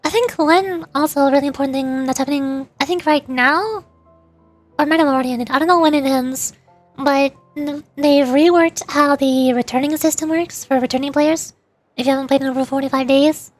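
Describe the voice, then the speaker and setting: There's faint music behind this woman livestreamer, who speaks at normal speed in a high voice. As a VTuber she plays a game and rambles playfully, chatting casually and replying to live chat.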